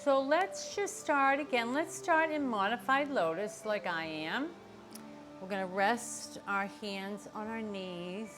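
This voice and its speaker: A woman's voice: mid-range voice, takes it slowly. Older woman teaching yoga over music. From Boston area, United States. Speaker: yoga instructor. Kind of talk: instructional class talk to viewers.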